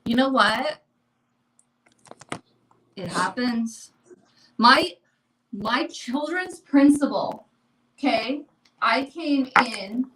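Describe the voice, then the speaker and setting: A woman's voice: on the high side, background noise. A woman in her thirties chatting candidly and animatedly on a home livestream, talking at a mirror by a window. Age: 30s. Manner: candid and animated, talks over others. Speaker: livestream co-host. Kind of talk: casual livestream chat.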